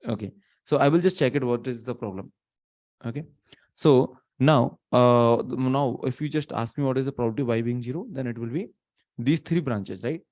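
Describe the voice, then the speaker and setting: A brisk Indian teacher in his thirties leads a live online class, his middle-pitched Indian English sprinkled with Hindi as he thinks aloud through many restarts and fillers. He's in a small room, and the webcam mic is not close by.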